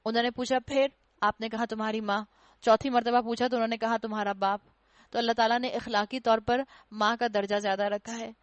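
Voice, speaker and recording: A woman's voice: a little high, little pitch movement, no echo. A woman giving an earnest religious lecture to girls in Pakistani Urdu, admonishing and acting out children's retorts. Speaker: Quran teacher.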